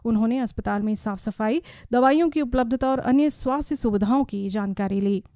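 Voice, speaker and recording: A woman news reader with a slightly high but mellow voice. She delivers a formal radio bulletin in a steady, measured rhythm. The studio sound is dry and close. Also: no echo.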